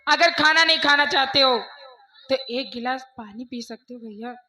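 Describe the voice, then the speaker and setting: A woman playing a gentle young sister in a folk stage play, coaxing softly. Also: sits high, normal speed. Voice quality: soft, coaxing. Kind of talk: live folk stage theatre. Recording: echoey stage.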